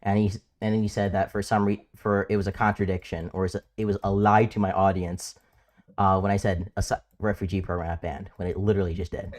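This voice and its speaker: A man's voice: low voice, little pitch movement, quick pace, darkish tone. A man hosting a live debate stream, insistent and repeating himself with stumbling restarts. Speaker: livestream debate host.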